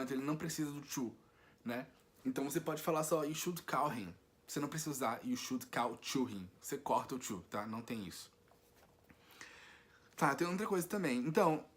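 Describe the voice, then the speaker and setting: A man's voice: medium pitch, a bit bright. Brazilian man giving a chatty English tip. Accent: Brazilian Portuguese. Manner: chatty, explains step by step with many fillers. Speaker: vlogger teaching English. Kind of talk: casual explainer vlog.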